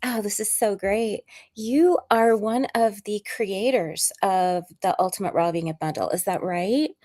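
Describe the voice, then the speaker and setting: A woman hosting a casual interview on a video call, gushing with praise and firing off quick questions. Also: mid-range voice, mellow. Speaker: host.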